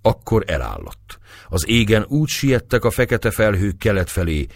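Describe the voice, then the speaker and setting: Brief: male audiobook narrator, low husky voice, dry close recording. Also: big pitch swings, no room sound. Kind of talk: scripted narration of a historical novel.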